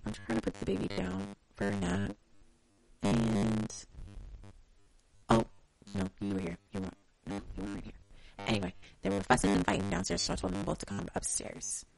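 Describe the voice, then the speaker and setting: A young adult man co-hosting a podcast, an expressive storyteller in casual chat. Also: lowish voice, creaky, clean tone, rough recording. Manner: expressive storyteller, acts out quoted voices. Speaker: podcast co-host.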